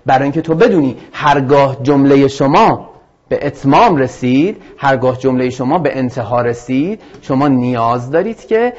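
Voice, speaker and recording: Lively male teacher explaining a lesson. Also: medium pitch. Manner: lively, explanatory, addresses students directly. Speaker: English teacher. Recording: dull lo-fi audio.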